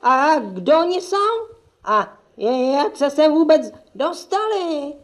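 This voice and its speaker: High pitch, woman playing snooty male servant, huffy, stammering, puppet theatre. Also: animated. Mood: huffy, indignant. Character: haughty, fussy castle valet, a male servant.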